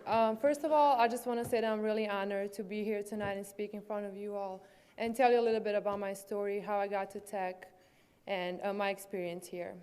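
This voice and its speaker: A young woman from Serbia speaks with a Serbian accent, her voice smooth and clear. She delivers an earnest prepared speech as a student athlete, hesitating on fillers and talking around a swollen lip. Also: mid-range voice, steady tone, fairly quick, a little mellow. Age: 20s.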